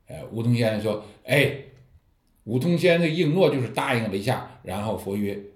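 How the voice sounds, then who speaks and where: A man gives a dharma talk on Zen stories, his voice mid-pitched and swinging up and down with lots of expression. He keeps asking his listeners rhetorical questions as he tells the tales. The sound rings in an echoey room. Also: moderate pace. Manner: lively storytelling with rhetorical questions. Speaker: Buddhist teacher.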